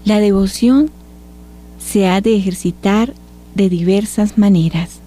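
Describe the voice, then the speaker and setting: A woman announcing scripture readings and reciting responses in a calm liturgical manner. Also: mid-range voice, takes it slowly. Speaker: liturgical reader.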